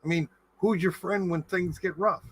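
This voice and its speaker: A man's voice: high-pitched, steady tone, normal speed, breathy edge. A middle-aged man chatting casually as a livestream host, with a laid-back, rambling stoner way of talking. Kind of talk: casual chat with livestream viewers.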